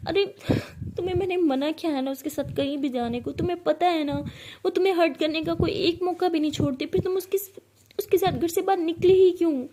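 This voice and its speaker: A woman's voice: high voice, fairly quick, dark tone, a little hiss or hum. A woman voicing a fierce, hot-tempered young woman who scolds and threatens in angry outbursts. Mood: scolding.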